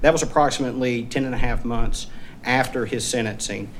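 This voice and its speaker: A man arguing as a lawyer in court, speaking in a formal, measured and deferential way. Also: medium pitch, fairly even intonation. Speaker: defense appellate lawyer. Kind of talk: formal oral argument. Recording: clearly noisy courtroom recording.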